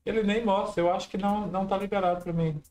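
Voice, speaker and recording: A gameplay streamer with a high, darkish voice talks quickly and fairly evenly as he casually narrates his own play. It's let's-play commentary, chatty with viewers and sprinkled with frequent exclamations.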